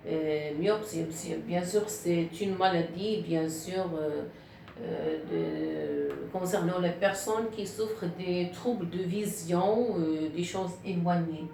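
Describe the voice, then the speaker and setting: A woman teaching French pronunciation to beginners, slowly repeating words and breaking them into syllables. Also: on the low side, animated, dark tone, slight background noise. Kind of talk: phonetics lesson for beginners. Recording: very echoey room, distant mic.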